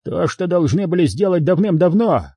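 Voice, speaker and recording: Guy reading a snarling mob boss, menacing, pitched up, lively delivery. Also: normal speed, breathy edge, no room sound, exaggerated voice. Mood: cold, commanding. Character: ruthless middle-aged male London gang boss.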